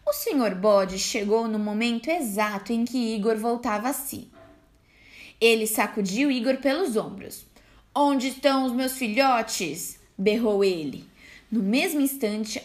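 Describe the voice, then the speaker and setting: A woman, a teacher hosting a story podcast, reading a children's tale aloud in an unhurried, expressive way. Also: a little high.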